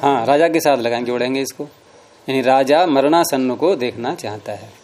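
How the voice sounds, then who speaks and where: A man teaching a grammar lesson, repeating word forms slowly and explaining rules step by step. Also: medium pitch, darkish tone.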